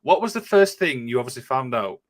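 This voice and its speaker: A man's voice: medium pitch, expressive, fairly quick. A man hosting a casual wrestling podcast chat, often saying "obviously" and "and stuff like that". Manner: says "obviously" and "and stuff like that" a lot. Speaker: podcast host.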